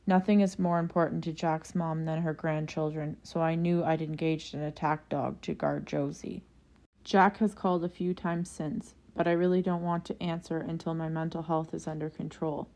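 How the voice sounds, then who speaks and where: A woman narrates a first-person forum post in a steady storytelling read. Her voice sits a little low. She keeps an even narrating manner throughout. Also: moderate pace.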